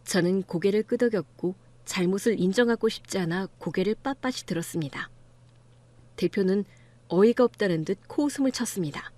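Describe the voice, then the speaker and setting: A young woman narrating an audiobook story as the lead, a lawyer, with calm narration and sharp, defiant dialogue. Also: medium pitch, brisk, dry recording.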